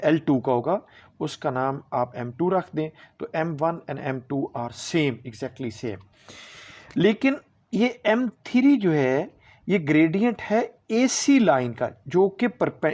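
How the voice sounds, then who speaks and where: Male tutor, slightly high voice, slow careful delivery of exam questions. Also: darkish tone. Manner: reads questions out slowly, explains in mixed Hindi-English. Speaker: math teacher.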